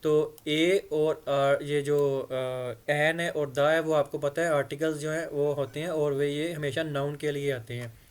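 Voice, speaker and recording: A man teaches English phrases. He reads each English line slowly and carefully, then explains its meaning at length. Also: fairly high pitch, little pitch movement.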